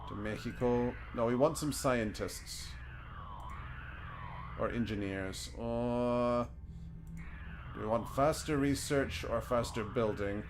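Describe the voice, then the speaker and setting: A New Zealand gaming streamer chats in a relaxed way and reasons aloud during play, often breaking into chuckles. His medium-pitched voice moves slowly with long pauses, set against background noise.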